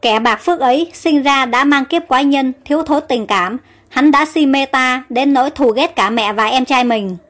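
A woman reading the part of a gentle young queen who speaks in a worried, pleading way, within a storybook audio tale. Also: high-pitched, normal speed, soft background music.

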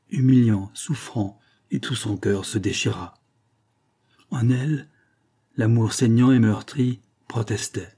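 A man reading a nineteenth-century novel aloud, in measured literary narration. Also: mid-range voice, warm tone, husky. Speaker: audiobook reader.

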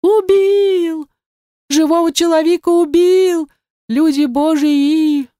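A man's voice: extremely high pitch, fairly even intonation, normal speed, darkish tone, clean tone, dry recording, clean studio sound, pitched above the performer's own voice. A woman doing a wailing old man. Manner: wailing, pleading. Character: frightened old man pleading for his life.

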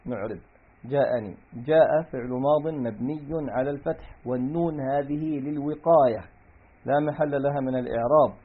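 A man's voice: medium pitch, normal speed, breathy edge. A man giving a grammar lesson, reading a classical text aloud and then parsing examples step by step. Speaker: grammar teacher. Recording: tinny phone-like recording.

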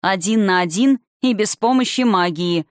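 A man's voice: high-pitched, fairly quick, no room sound, studio quality, lightly acted. A reader voicing a young male silver dragon, irritable and gloomy, who talks in a sarcastic, snapping way in an audiobook. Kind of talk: audiobook character reading.

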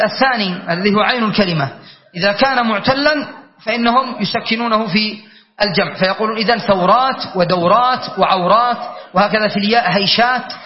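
A man teaching a classroom grammar lesson as a sheikh, explaining patiently, repeating words and often checking that listeners follow. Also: sits high. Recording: dull lo-fi lesson recording.

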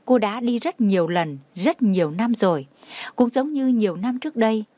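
A woman reading a story aloud in a steady, even narration. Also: fairly high pitch, moderate pace, dry recording.

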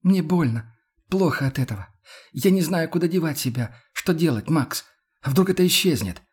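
Man playing a young woman, emotional, pleading, higher voice, breathy edge. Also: expressive, normal speed, a little mellow. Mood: tearful. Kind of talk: audiobook character voice.

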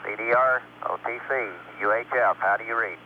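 A man's voice: mid-range voice, steady tone, fairly quick. A man acting as launch test conductor, making terse procedural calls over a radio loop. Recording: narrow phone-like radio loop, faint noise.

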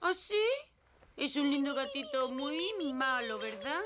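Doting animated animal mother type: cooing, affectionate, high and melodic. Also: takes it slowly, background noise. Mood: cooing, tender. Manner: cooing, affectionate baby talk. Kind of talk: animated film dubbing. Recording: music behind.

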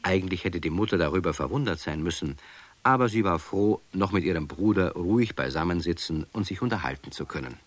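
Narrating a children's radio play from a script, a male actor speaks directly to young listeners. His low voice moves briskly with lively intonation, keeping the storytelling measured.

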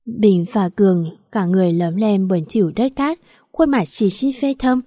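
A woman reads a story aloud at a steady, even pace. Her voice sits at a middling pitch, and the recording is dry and close to the mic. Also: normal speed, dry recording. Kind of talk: scripted story narration.

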